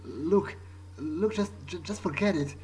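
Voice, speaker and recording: A high-pitched male gameplay host stays in character as he improvises through a playthrough, speaking at a measured pace with a darkish tone while hesitating, thinking aloud, and repeating words. Soft music plays in the background, and background noise is clearly present.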